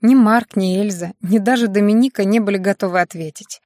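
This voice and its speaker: A woman reading a fantasy story aloud in steady, scripted audiobook narration. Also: mid-range voice, a little fast, no room sound, studio quality.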